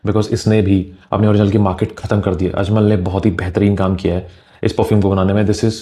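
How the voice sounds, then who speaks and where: A man's voice: lowish voice, flat delivery, brisk, warm tone. A man reviewing fragrances in a vlog, talking with eager enthusiasm and switching freely between Hindi and English.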